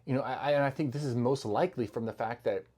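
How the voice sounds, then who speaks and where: Talking fast in a mid-range, darkish voice, this middle-aged man gives a casual educational health talk to camera. It's loose and chatty, riddled with fillers and restarts, and he has the relaxed manner of a clinician with patients.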